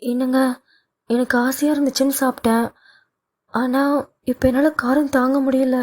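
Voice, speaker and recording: A woman voicing an impulsive young wife in a romance audio novel, speaking higher and quicker than her narration. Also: level tone, darkish tone. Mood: pleading. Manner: higher, quick, pleading delivery. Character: young wife, playful, impulsive, pleading when upset.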